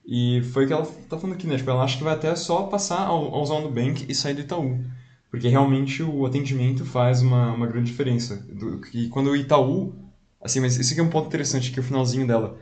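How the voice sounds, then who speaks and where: A man's voice: mid-range voice, fast talker, a little mellow. Male co-host reading comments, echoey sound. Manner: hesitant, many fillers like "né" and "assim". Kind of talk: casual live-show chat.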